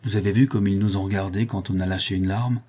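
Un homme joue un jeune homme du peuple qui gronde de colère, voix basse, mate et un peu rauque. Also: male voice, fairly even intonation, fast, warm tone, slightly rough. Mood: wary. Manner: growling. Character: angry, wary young male artisan.

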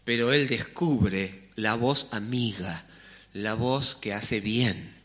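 Rioplatense male pastor, sermon, slow unhurried delivery, bright ringing voice, church. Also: on the low side. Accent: Rioplatense Spanish. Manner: conversational preaching with frequent "¿eh?" checks, sudden drops to near-whisper.

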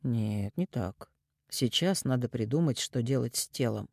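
A man's voice: mid-range voice, lively intonation, unhurried, creaky, dry recording, clean studio sound, voice pushed down. A man voicing a crude, mocking middle-aged ex-convict with a cold, sneering manner. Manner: sneering, coarse.

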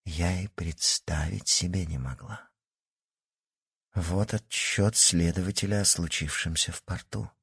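A man voicing a secretive, determined young woman who speaks low and conspiratorially in an audiobook. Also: measured pace, gravelly, a bit bright, slightly rough, no room sound, studio quality, full character voice. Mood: hushed. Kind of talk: audiobook character reading.

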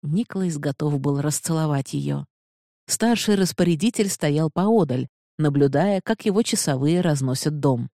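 An audiobook narrator reading fantasy fiction in an even, measured way. The voice is dark and mellow, recorded dry and close with no room echo. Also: medium pitch.

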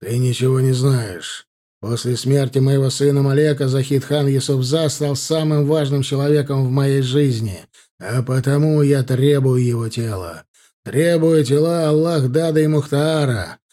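A man's voice: mid-range voice, moderate pace, dark tone, natural voice. A man voicing a grim, stern older male commander who speaks with authority.

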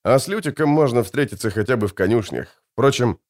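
A man reading an audiobook voices a grim, laconic witcher. He answers tersely and curtly, in a natural male voice with an animated lilt. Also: mid-range voice, brisk, lightly acted. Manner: terse and curt.

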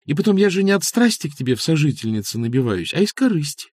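A man's voice: a little high, sing-song, fast, darkish tone, dry recording, pitched above the performer's own voice. A man putting on a teasing, bossy woman. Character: lively playful woman in love.

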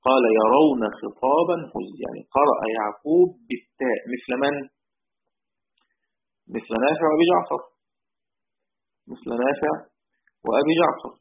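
A man's voice: a little high, vocal fry. Egyptian man teaching over a tinny line. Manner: slowly chants quoted verse lines, repeating key words. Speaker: Quran recitation teacher. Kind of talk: lecture on Quran readings. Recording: tinny phone-like recording.

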